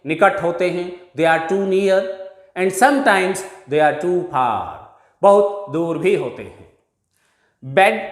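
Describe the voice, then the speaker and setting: Indian guy teaching pronunciation, talks real slow, stretches out every example word, echoey room. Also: sits high, fairly bright tone. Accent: Indian English. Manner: slow and deliberate, drawing out each example word. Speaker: English teacher. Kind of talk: spoken pronunciation lesson.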